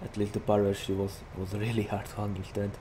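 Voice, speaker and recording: A young man with a Slovak accent, a gaming YouTuber, delivers flat, fairly quick, rambling commentary on his gameplay, full of "like" fillers, in a slightly low voice. Clear game engine and vehicle sounds run beneath his desk-mic recording.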